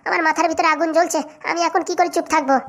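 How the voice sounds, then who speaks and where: High squeaky cartoon daughter, whiny and complaining. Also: flat delivery, very fast, fairly bright tone. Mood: aggrieved. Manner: whining, complaining. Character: whiny tearful young married daughter. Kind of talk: cartoon voice acting.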